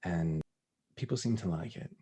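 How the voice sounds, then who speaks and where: A man being interviewed about his voice acting, talking in a relaxed, thoughtful way and laughing easily. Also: low-pitched, moderate pace, breathy edge. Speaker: voice actor guest. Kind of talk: casual interview chat.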